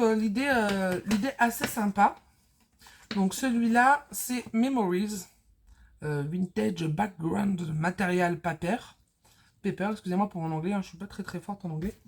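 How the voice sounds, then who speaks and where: A woman talking casually to camera as she shows and prices craft supplies, with lots of fillers and pauses. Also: mid-range voice, a little mellow. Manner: chatty, many fillers, counts items aloud. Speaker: scrapbooking vlogger. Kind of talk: casual haul video talk.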